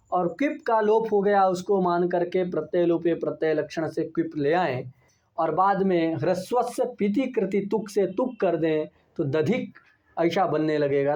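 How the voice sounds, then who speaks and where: A man's voice: sits high, darkish tone, lo-fi sound. A man lecturing on Sanskrit grammar, explaining each point step by step and repeating key terms, with the occasional rhetorical question. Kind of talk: university lecture.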